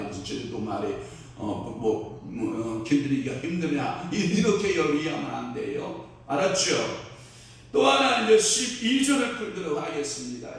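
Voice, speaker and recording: Emphatic pastor in a booming echoey hall. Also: male voice, gravelly, distant mic. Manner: emphatic, quizzes the congregation with questions. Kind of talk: expository sermon. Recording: very echoey hall, speaker away from mic.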